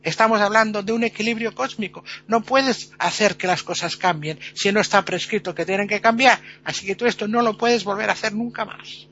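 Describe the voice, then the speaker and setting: A man voicing Death, a stern female godmother spirit who lays down the rules in a measured, solemn way. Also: high voice, sharp tone, dull audio. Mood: scolding. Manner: solemn, measured warnings, later scolding.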